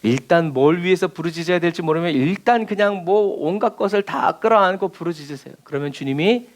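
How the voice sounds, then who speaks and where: A man's voice: sits high, brisk. A male pastor giving a sermon at a prayer meeting in church, emphatic and full of rhetorical questions.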